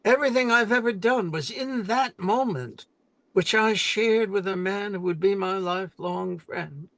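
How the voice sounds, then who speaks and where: An older man giving a solemn, deliberate reading of memorial poetry with dramatic emphasis. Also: sits high, a bit bright, no echo. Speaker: poet.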